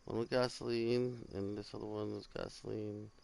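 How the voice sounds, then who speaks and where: Weary, gravelly-voiced man chatting over gameplay. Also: on the low side, little pitch movement, normal speed. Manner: tired, rambling, swears casually. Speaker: gamer streaming survival gameplay. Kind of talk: casual gameplay commentary. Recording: loud game ambience of crickets and animals.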